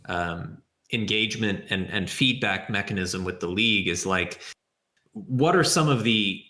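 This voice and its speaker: A low-pitched man with a bright, forward tone works through his answer aloud, one step at a time, as if demonstrating on screen. His voice rings in an echoey room, and keyboard typing clicks in the background. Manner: thinking aloud, explains step by step. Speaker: software developer answering questions. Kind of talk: live Q&A with screen demo.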